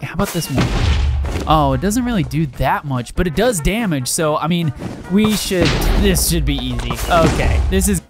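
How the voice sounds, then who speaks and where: A man giving casual gameplay commentary as a gaming video host, excitable and quick to exclaim and laugh. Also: a little high, over music. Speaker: gaming YouTuber.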